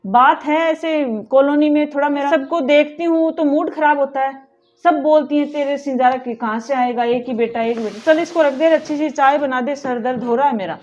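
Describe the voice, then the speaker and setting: A woman's voice: high-pitched, steady tone, normal speed, darkish tone, natural voice. A woman playing an aggrieved mother-in-law who complains and scolds in a family drama. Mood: indignant. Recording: dull lo-fi audio with faint music.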